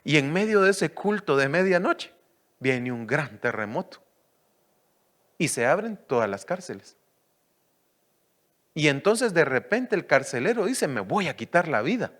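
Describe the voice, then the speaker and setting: A man preaches in a voice pitched a little above most men's. He keeps putting questions to the congregation. He moves from loud, lifted lines down to quiet, low asides. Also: very animated, measured pace, long pauses. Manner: asks the congregation questions, then answers them. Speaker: church elder preaching. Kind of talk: sermon.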